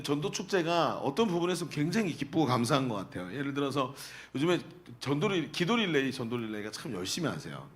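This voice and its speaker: A man's voice: mid-range voice, fairly bright tone. A middle-aged male pastor who reads scripture aloud and then preaches in a chatty way, asking the congregation questions. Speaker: senior pastor. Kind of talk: sermon.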